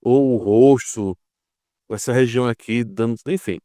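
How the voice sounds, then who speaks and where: Talking a little slowly in a warm, medium-pitched voice, a Brazilian man delivers geopolitics commentary at studio quality with no echo. His Brazilian Portuguese explanations are informal and conversational, often built around rhetorical questions and short tags that check in with listeners.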